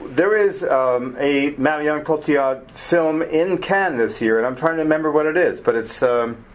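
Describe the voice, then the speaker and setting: A man's voice: on the high side, normal speed. Polite male radio interviewer. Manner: polite, formal phrasing.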